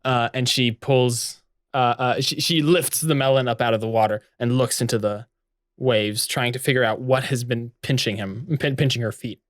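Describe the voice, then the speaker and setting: A man narrating his part in a comedic tabletop game with halting, filler-heavy delivery. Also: mid-range voice, fairly even intonation, no echo, studio quality. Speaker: player and storyteller.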